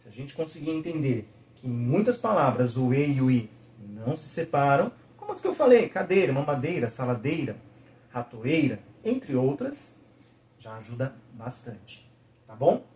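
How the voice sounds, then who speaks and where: A man teaching a video lesson, patiently checking in with the viewer and slowly sounding out each syllable. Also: medium pitch, very animated, darkish tone.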